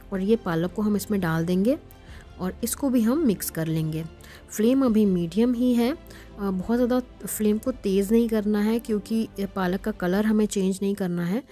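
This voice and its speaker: A woman with a mellow, warm voice walks through a home recipe step by step, calm and explanatory as she talks to her viewers. Soft music plays faintly behind her. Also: mid-range voice. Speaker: cooking channel host. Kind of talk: step-by-step cooking instruction. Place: home kitchen.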